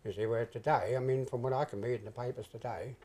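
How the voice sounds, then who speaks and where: A man's voice: medium pitch, steady tone, fast talker, mellow. An older man with a British accent, reminiscing in an interview in a conversational, hesitant way, repeating phrases for emphasis. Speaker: interviewee, retired stock jobber. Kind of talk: reminiscing in an oral history interview.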